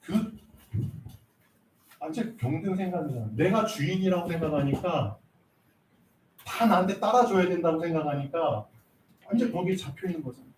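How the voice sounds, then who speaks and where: A man with a high voice preaches a sermon and keeps putting questions to his congregation. He sounds a little far from the mic, in a room with a clear echo. A faint hiss runs underneath. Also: expressive, moderate pace, pauses often, darkish tone. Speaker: pastor.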